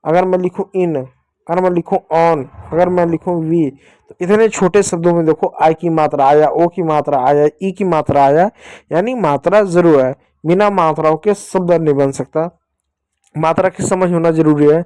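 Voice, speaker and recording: A man's voice: on the high side, fairly even intonation, normal speed, dark tone, clean tone, no echo. A young man teaching children English phonics, asking questions and answering them himself and repeating key points. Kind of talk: classroom-style phonics lesson.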